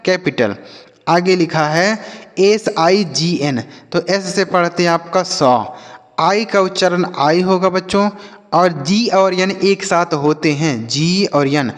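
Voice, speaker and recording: A man patiently teaching children to read, spelling out letters slowly and asking and answering his own questions. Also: a little high, big-room sound. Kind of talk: English reading lesson for children.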